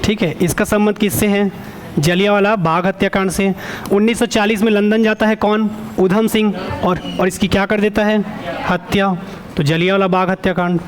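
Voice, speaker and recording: In an online exam-prep lecture, a male teacher repeatedly quizzes his students for answers, pausing often to check in with a quick "okay" and correcting himself along the way. His voice is high-pitched with fairly even intonation, and a slight hiss or hum sits under the recording.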